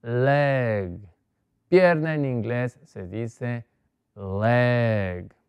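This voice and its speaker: Slow, patient male language teacher. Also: mid-range voice, clean tone, no echo, muffled recording. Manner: slow, patient, repeats each word. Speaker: English teacher. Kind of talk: televised language lesson for Spanish speakers.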